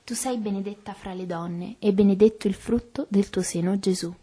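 A woman leading a recited rosary prayer in a soft, even, devotional way. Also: medium pitch, moderate pace, slightly rough. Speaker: prayer leader.

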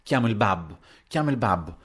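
A man's voice: on the low side, animated, brisk, fairly bright tone, breathy edge. A man reading aloud and voicing a frightened young woman who pleads in a broken, sobbing voice, in a storybook reading. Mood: pleading.

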